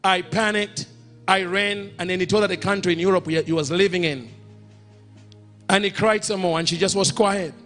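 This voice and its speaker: A man's voice: sits high, a little fast, a bit bright, faint music behind. A male preacher telling a story in a sermon and leading prayer, emphatic, repeating phrases and calling out to the congregation. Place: church or conference hall in Ghana.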